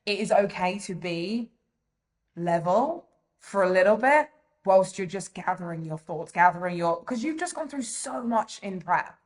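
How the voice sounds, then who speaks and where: A woman's voice: medium pitch, lively intonation, unhurried. A young woman with an English accent, co-hosting a podcast in casual chat, talking loosely with lots of fillers. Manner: chatty, full of "like" and "you know". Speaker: podcast co-host.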